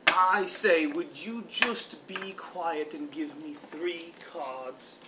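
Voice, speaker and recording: A man's voice: fairly high pitch, slow pace, heavy background noise. A man playing an irritable, haughty duke who complains his way through a period comedy sketch. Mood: irritated.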